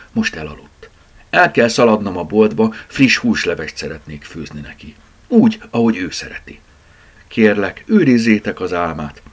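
Busy caring mom, man voicing her, lively, kinda husky. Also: on the low side, voice pushed up. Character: caring, busy young mother.

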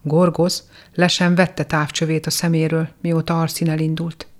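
A narrator giving a measured, expressive storybook reading of a fairy tale. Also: mid-range voice.

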